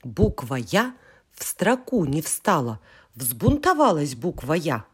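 A woman reciting a children's poem in an expressive, playful storytelling manner. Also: deep voice, slow pace, husky. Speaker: reader.

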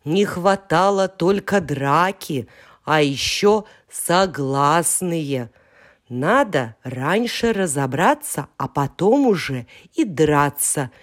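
A woman's voice: deep voice, expressive, slow pace, exaggerated voice. A woman voicing the whole alphabet as a chorus of letters in a storybook poem, lecturing in a scolding, reasonable way.

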